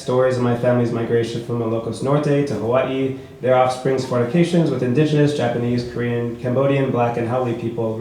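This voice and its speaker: A man reading his own prose poetry aloud at a book launch, with a measured, rhythmic delivery. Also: medium pitch, warm tone. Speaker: author reading his work. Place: bookshop event space. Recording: echoey room with faint noise.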